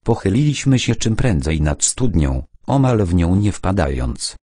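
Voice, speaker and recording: A man narrating an adventure novel as an audiobook in first person, calm and measured. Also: deep voice, no room sound, clean studio sound.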